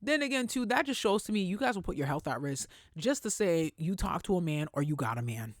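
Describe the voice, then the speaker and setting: Podcast host on a solo rant: heated, emphatic, swears freely, hammers points home, medium pitch, dry sound. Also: big pitch swings, brisk, no room sound. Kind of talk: casual opinion rant.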